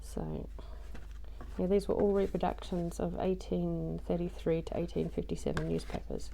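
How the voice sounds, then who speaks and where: Her voice freshly returned after she'd lost it, a craft journaling vlogger rambles about a home craft project, dropping ums and wry self-deprecating remarks. She's very animated, speaking at a normal speed in a fairly low, creaky, mellow voice, with a little hiss or hum in the recording.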